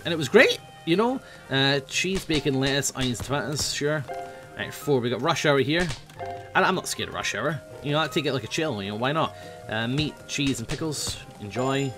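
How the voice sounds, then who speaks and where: A young man hosting a gaming video, chatting fast and calling out food orders while he plays. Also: medium pitch, fairly bright tone. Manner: hyper, chatty, calls out orders while playing. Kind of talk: casual let's-play commentary.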